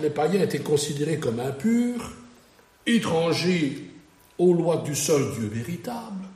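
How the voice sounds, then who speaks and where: A man's voice: fairly high pitch, a little mellow, reverberant, distant mic. A man preaching a sermon, reading a Bible passage and then talking it over in a conversational way with rhetorical questions.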